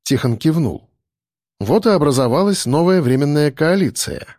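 A man's voice: animated, normal speed, a little mellow, dry recording, studio quality. A man narrating a story and voicing its characters in the dialogue. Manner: voices many characters with shifting pitch. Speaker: audiobook narrator. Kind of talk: scripted narration with acted dialogue.

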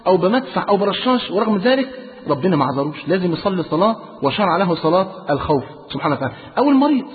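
A man's voice: high-pitched, expressive, racing. A man preaching a sermon in an Egyptian Arabic accent, fervent and asking his listeners questions again and again. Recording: tinny phone-like sound in a reverberant hall.

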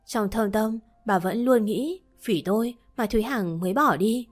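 Woman narrator, mid pitch, first-person audiobook, soft music bed. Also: moderate pace.

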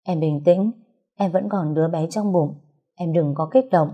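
A woman voicing a calm young man who gently soothes his grieving sister. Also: lowish voice, moderate pace, breathy edge. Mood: soothing. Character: young man, calm protective older brother.

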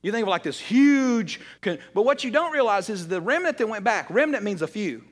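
High-voiced pastor. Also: male voice, lively intonation, fairly quick. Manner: conversational, storytelling with humor. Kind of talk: sermon.

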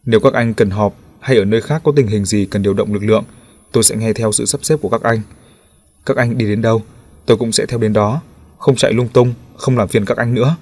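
Sly hurt journalist in an audiobook, hoarse and weak, wheedling, as a male narrator reads him. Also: lowish voice, fairly even intonation, brisk, darkish tone. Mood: weak pleading. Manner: pleading, ingratiating.

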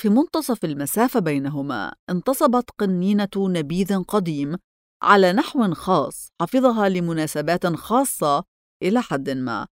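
Low-voiced woman narrating an audiobook. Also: animated, moderate pace, dry recording, studio quality. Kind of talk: scripted narration.

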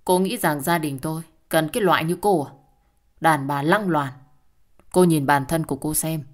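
A woman voicing a brutal, foul-mouthed husband who shouts insults in an audio story. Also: sits low, normal speed, lightly acted. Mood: angry shouting.

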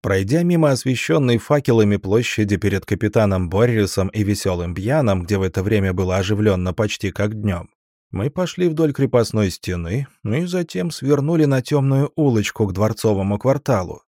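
A man narrating a novel in the first person with a steady, wry storytelling manner. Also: on the low side, moderate pace, dry recording, clean studio sound. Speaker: audiobook narrator.

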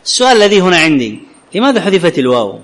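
A man teaching an Arabic grammar lesson, often asking his students whether it is clear and reciting quotations slowly. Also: high-pitched, sing-song, fairly bright tone, slight background noise. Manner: questions students often, checks understanding; clears his throat now and then.

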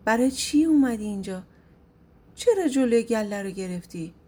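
A stubborn, nosy bald shepherd , voiced by a woman reading a storybook. He pleads and asks question after question. The voice is a little high, soft and mellow, in an audiobook folk tale. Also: animated, husky. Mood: pleading. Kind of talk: storybook narration.

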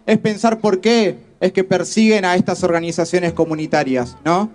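Argentine male organizer, earnest rally speech, very high voice. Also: fairly even intonation, normal speed, darkish tone, faint music behind. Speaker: youth organizer. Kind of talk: protest speech.

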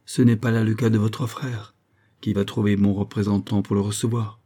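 A man's voice: on the low side, level tone, normal speed, warm tone, natural voice. A man reading the part of a firm, self-assured young colonel in an audiobook, speaking earnestly and persuasively.

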